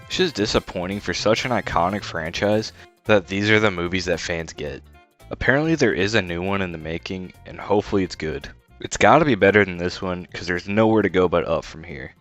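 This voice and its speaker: A man with a low, fairly bright voice hosts video essays as a film critic, reading scripted review narration. His tone is blunt, disparaging, and informal, with faint music in the background.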